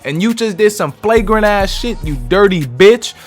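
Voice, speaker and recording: A young man with a fairly high voice tells a story from his own life in a loose, heated way, swearing freely. Soft music plays faintly in the background. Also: lively intonation, moderate pace. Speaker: vlogger. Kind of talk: casual storytime.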